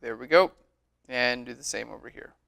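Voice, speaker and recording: A man giving a relaxed, chatty screen-recorded tutorial on photo editing, often saying "all right". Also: mid-range voice, normal speed, vocal fry.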